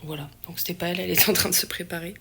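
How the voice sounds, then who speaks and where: A woman's voice: on the low side, fairly even intonation, vocal fry, bright, forceful tone, breathy edge. Chatty young French woman vlogging. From France. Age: young adult. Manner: chatty, exclamatory, quick asides. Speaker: student athlete vlogger. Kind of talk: casual vlog chat. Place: college campus.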